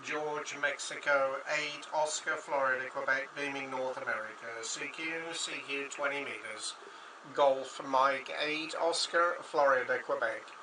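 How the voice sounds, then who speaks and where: A man's voice: mid-range voice, a little slow. A man making a ham radio call, methodically spelling out call signs in the phonetic alphabet and calling for any contact on a noisy shortwave transmission. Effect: radio transmission over a noisy shortwave band. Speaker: amateur radio operator. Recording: distant voice with static noise.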